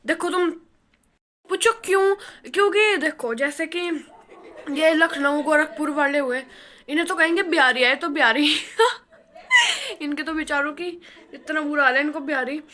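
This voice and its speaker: Speaking at a measured pace, a young adult woman from western Uttar Pradesh, India, sounds high, pushed and bright, with lively intonation. In her casual hostel-room vlog she chats bluntly and rambles in a Western UP Hindi accent, laughing a lot.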